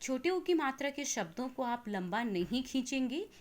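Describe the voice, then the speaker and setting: A woman teacher with an Indian accent gives an online lesson to young children, reading words aloud slowly, syllable by syllable, with exaggerated care and some English words mixed in. Her voice sits high and has a sing-song quality.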